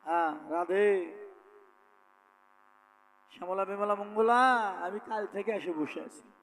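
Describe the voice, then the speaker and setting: Male folk preacher, very high and slow, sing-song, quizzes the crowd. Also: a bit bright, low-quality recording. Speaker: devotional folk singer and preacher. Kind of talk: devotional song and storytelling sermon.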